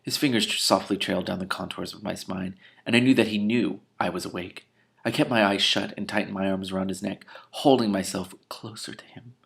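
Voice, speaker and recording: Low, steady and brisk, with a creaky edge and a touch of brightness, this man reads a novel aloud as the host. Between passages he bursts into casual, sarcastic, irreverent and incredulous asides.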